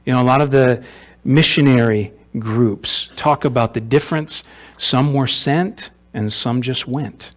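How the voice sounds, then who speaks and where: A man's voice: medium pitch, measured pace. Guy pastor giving a sunday sermon, chatty and casual, keeps asking the room questions, medium voice. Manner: conversational, asks rhetorical questions, repeats words. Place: church sanctuary.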